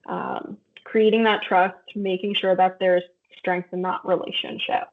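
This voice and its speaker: A woman's voice: fairly low pitch, little pitch movement, measured pace. A woman presenting an online parenting workshop, explaining steps patiently with frequent ums. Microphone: video call. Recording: tinny phone-like audio.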